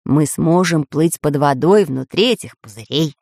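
A woman voicing a calm, learned old professor in a children's audiobook, speaking slowly and reassuringly in a lowered voice. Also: no echo, clean studio sound. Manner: slow, lowered, reassuring explaining.

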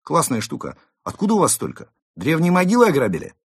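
A man voicing a brash, cheerful masked animal burglar who mocks and shouts gleefully. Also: on the high side, wildly swooping pitch, quick pace, breathy edge, dry recording, clean studio sound, voice pushed up, exaggerated voice. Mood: mocking. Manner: loud, mocking, gleeful shouting.

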